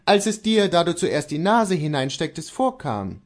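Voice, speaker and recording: A man's voice: fairly high pitch, very animated, normal speed, voice pushed up. A man reading aloud who voices a stern male horse dealer questioning his servant in a raised, firm voice. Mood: probing.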